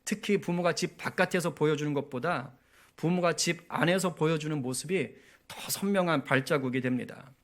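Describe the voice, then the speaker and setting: A man's voice: on the high side, moderate pace. A man preaching a sermon as pastor at a church prayer meeting, telling stories and often checking in with the congregation. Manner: storytelling, often asks the congregation for agreement.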